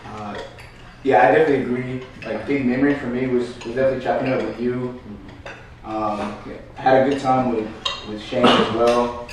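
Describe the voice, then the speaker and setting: A man's voice: mid-range voice, fairly even intonation, fairly quick, slight background noise. Man in his twenties, echoey and distant. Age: 20s. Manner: warm, appreciative shout-outs. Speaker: kendama player. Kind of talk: casual roundtable chat. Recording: roomy, distant, dish clatter behind.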